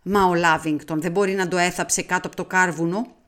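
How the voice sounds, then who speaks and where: An earnest English gentleman, voiced by a woman reader in an audiobook, easily flustered and quick to protest. The voice sits low and stays close to the narration. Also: steady tone, natural voice. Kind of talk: audiobook character reading.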